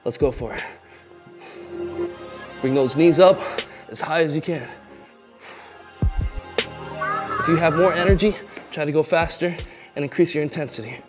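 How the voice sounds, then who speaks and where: A young adult man coaching a workout as a trainer, urging listeners on like an energetic gym coach. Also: on the high side, measured pace, pauses often. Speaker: fitness trainer and workout host. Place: large bright indoor living room. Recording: music under the voice. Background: music.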